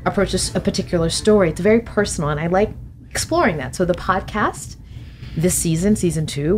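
In a studio interview, a middle-aged woman who writes books and is guesting on a podcast reflects out loud in a low voice, laughing often and gesturing animatedly. Her manner is thoughtful. The studio mic on its boom arm carries a little hiss or hum.

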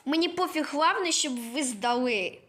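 A strict, bossy schoolteacher, voiced by a boy, fires questions at her class and hands out marks with little patience. The voice sits high and stays fairly plain, like a kid acting teacher in a home skit. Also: expressive, normal speed, pushed and bright, exaggerated voice. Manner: bossy, quizzing pupils and grading.

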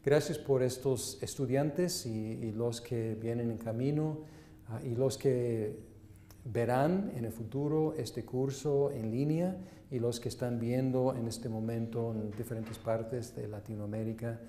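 A man teaching a seminary class, speaking in a measured way with many fillers. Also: medium pitch, fairly even intonation, dark tone, echoey room. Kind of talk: leading a class and prayer.

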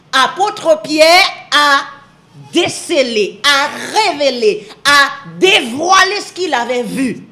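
Emphatic high-voiced woman teaching scripture. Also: sharp tone. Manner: emphatic, repeats phrases, asks rhetorical questions. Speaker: Bible teacher. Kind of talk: televised Bible teaching.

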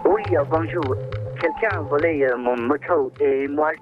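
A man with an English accent reporting a theft, with flat, unhurried complaints. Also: on the high side, music in the background. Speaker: caller. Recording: muffled broadcast clip.

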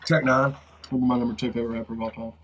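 Male guest, thirties, casual and defensive, mid-pitched, light restaurant noise. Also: level tone, racing, a bit bright. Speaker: video guest, rapper. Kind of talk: casual chat. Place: inside a fast-food restaurant, seated at a table.

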